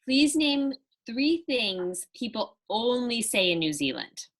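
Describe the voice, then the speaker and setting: Very bright-voiced woman hosting a game. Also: fairly high pitch, sing-song, slow. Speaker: host, quizmaster.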